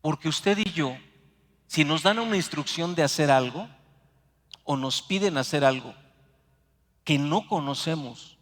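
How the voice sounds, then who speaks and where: A man with a Mexican Spanish accent preaching a sermon as pastor, slowing down for emphatic scripture readings. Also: a little high. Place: church sanctuary. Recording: long hall reverb.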